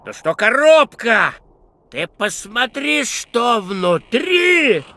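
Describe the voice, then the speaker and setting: High, swooping jovial cartoon geologist. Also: male voice, sing-song, drawn-out words, sharp tone, no room sound, heavily acted. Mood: proud, excited. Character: jovial grateful male geologist in a cartoon game. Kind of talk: animated adventure game acting.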